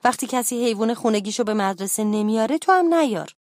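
A woman voicing a calm, kind schoolboy who helps his friend, speaking gently, in a children's storybook reading. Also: fairly high pitch, no echo, studio quality, natural voice. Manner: gentle and reassuring.

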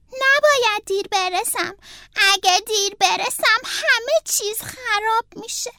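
A woman voicing an eager young male turtle in a hurry, speaking in urgent, excited exclamations. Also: very high-pitched, background noise, pitched above the performer's own voice. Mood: hurried.

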